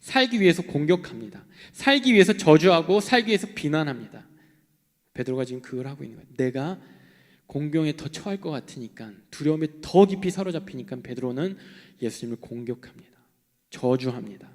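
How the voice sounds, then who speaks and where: A young man preaching a sermon in an animated way, swinging between loud outbursts and hushed asides. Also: on the high side, fairly quick. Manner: animated, acting out quoted voices, shifting between loud and hushed. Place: church hall. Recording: long hall reverb.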